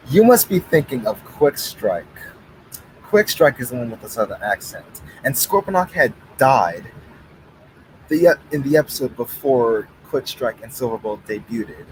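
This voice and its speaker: A man's voice: mid-range voice, low-quality recording. Male streamer, casual swearing banter with chat, faint noise under it. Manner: reads out chat, argues, swears, laughs.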